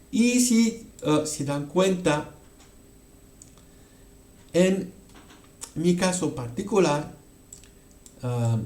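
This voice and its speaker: A man's voice: a little high, a little mellow, roomy sound. A man teaching a French pronunciation lesson, repeating words aloud several times and often checking in with his students. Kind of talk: explanatory language lesson.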